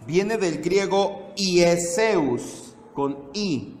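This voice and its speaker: Male Bible teacher, slow and deliberate, higher voice, reverberant church room. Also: animated, a little mellow, slight background noise. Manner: slow, repeats terms, calls on listeners by name. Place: church meeting room with projector. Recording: echoey hall.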